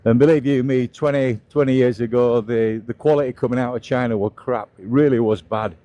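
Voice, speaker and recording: A middle-aged British motovlogger narrates his scooter ride on outdoor roads in casual, plain-spoken commentary. His mid-range voice is mellow, a little fast and fairly even in intonation. The recording has no echo but sounds muffled.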